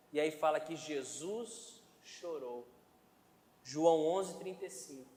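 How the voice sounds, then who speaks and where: A man with a fairly high voice delivers a conversational sermon, checking in with his congregation as he goes. He is recorded in a church hall, so the sound is roomy and echoey. A long reverb trails after his phrases. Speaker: pastor.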